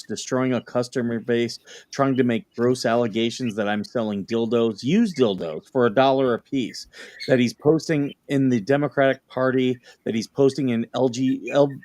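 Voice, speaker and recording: A man's voice: medium pitch, mellow, no room sound, natural voice. A man playing a defensive, indignant plaintiff in a dramatic deposition reading, with hammy, sarcastic emphasis. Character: defensive, indignant male plaintiff under questioning.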